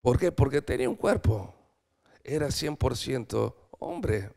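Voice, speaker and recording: A man preaching a church sermon, asking the congregation questions and swinging from loud to hushed. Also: medium pitch, very animated, a little slow, gravelly. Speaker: missionary preacher.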